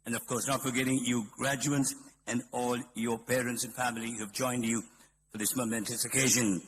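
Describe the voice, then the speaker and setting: In a big reverberant hall with some background noise, a Sri Lankan man speaks as master of ceremonies. His accent is Sri Lankan and his delivery is formal, courteous and measured, at a medium pitch. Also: level tone, a bit bright.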